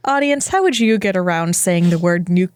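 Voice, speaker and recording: A woman's voice: fairly low pitch, expressive, moderate pace, darkish tone, smooth, no echo. A woman co-hosting a podcast, chatting casually and chiming in with playful jokes. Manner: playful, jokey interjections. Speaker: podcast co-host. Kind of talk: casual chat.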